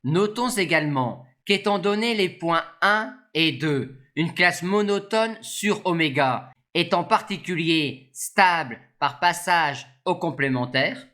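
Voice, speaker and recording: A lecturer giving a scripted maths explanation in a measured, formal manner. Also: mid-range voice, lively intonation, fairly bright tone. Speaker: mathematics lecturer.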